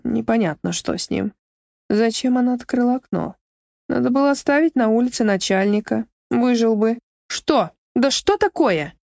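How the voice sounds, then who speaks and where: A woman reading an audiobook aloud in an expressive storytelling manner. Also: moderate pace, vocal fry, no room sound, studio quality. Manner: expressive, shifting into shrill character voices. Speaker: audiobook narrator. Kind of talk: scripted narration.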